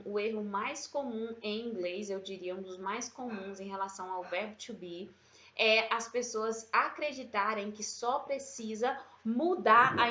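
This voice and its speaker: A woman English teacher giving a chatty, affectionate online grammar lesson, slowing right down when she models English example sentences. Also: a little high, pushed and bright. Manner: chatty, affectionate, calls viewers "meu bem" and "gente". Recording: echoey room, slightly dull sound.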